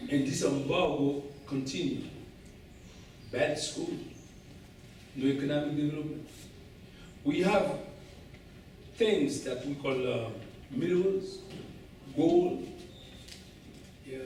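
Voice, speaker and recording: Animated Haitian-accented man in an echoey room. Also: a little high, slight background noise. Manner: animated, laughing, addresses the audience directly. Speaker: guest speaker. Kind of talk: storytelling talk to a club audience. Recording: echoey room, distant mic.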